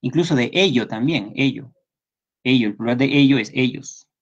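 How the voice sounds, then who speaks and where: A man's voice: medium pitch, normal speed. Patient Peruvian Spanish male English teacher. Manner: patient, repeats points and checks understanding with students. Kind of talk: online class lecture. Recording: slightly dull lo-fi sound.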